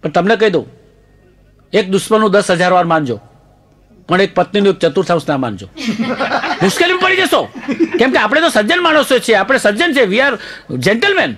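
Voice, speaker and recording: High-voiced comedian telling lively jokes. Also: male voice, brisk. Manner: animated, laughs through his punchlines, mixes in English phrases. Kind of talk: stand-up joke telling.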